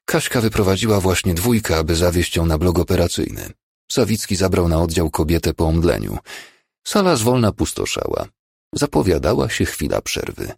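A man reading a novel aloud as an audiobook narrator, in an expressive way. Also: low voice, normal speed, gravelly, husky, no room sound, clean studio sound. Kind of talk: scripted narration.

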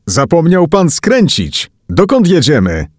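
A man voicing a terrified, heavyset captive who shouts and begs in a slurred voice. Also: low-pitched, very animated, a little slow, husky, no room sound, studio quality, exaggerated voice. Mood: frantic.

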